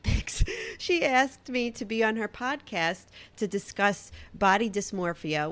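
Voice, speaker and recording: A woman in her thirties with a Brooklyn accent talks alone into the mic as a podcast host. Her voice sits at an ordinary middle pitch. She chats loosely and pokes fun at herself. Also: a bit bright. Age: 30s. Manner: chatty and self-deprecating. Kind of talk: casual solo podcast talk.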